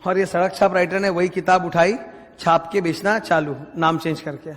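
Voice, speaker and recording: A man, teaching a class. He dictates definitions slowly and keeps checking that students understand. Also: high voice, steady tone, big-room sound. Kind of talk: lecture.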